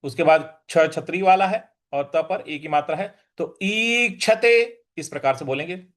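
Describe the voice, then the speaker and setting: A man teaching a recitation lesson, repeating each word slowly and drawing out syllables as he chants verses. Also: a little high, fairly bright tone. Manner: slow, careful, drawn-out syllables in chanted verse; repeats words for practice.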